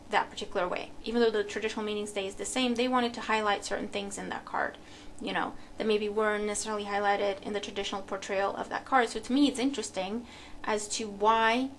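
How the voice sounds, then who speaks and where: This is casual unboxing chatter from a tarot reader from Romania, musing at her table at home and restarting her thoughts with fillers. The woman's mid-range voice is a bit bright, over a slight hiss or hum.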